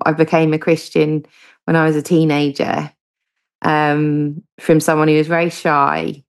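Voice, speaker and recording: A guest author from southern England, with a southern English accent, answers interview questions chattily and with many hesitations. Her voice is low-pitched.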